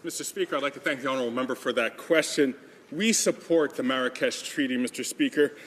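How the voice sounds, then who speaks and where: A man's voice: medium pitch, fast talker, fairly bright tone. A man giving a formal parliamentary answer, often stumbling over his phrases. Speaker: parliamentary secretary answering a question. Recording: reverberant chamber with faint noise.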